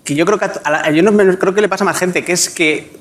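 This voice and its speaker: A man, a comedian telling self-mocking stories on a talk show, stammering and animated. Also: high voice, fast. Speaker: comedian guest. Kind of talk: comic storytelling on a talk show.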